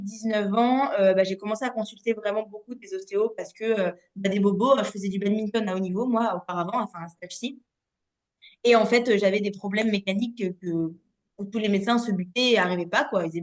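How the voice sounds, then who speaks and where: Her voice is mid-range as she, a Parisian-region osteopath in her late twenties, chats through her story on a casual podcast interview. She's animated and talkative, often using fillers and restarting sentences.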